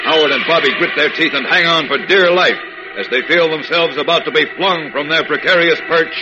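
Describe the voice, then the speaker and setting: A man's voice: on the high side, fairly quick, natural voice. A man with an American accent announcing and narrating a 1940s radio serial in a theatrical, suspenseful old radio announcer style. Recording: dull vintage radio broadcast, loud music.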